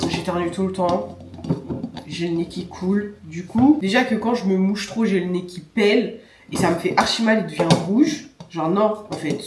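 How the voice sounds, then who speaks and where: Sounding stuffy and nasal from a cold, a young vlogger who also plays semi-pro handball chats along casually, with filler sounds. Her lowish voice is far from the mic, and the echoey room has music playing and background noise.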